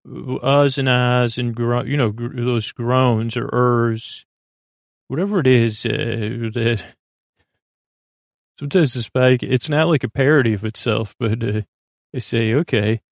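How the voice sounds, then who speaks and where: Unhurried and creaky-voiced, a middle-aged man meanders through tangents while hosting a sleep podcast, his bedtime talk full of uhs, restarts, and self-interruptions. His pitch is medium, and the recording is dry with clean studio sound.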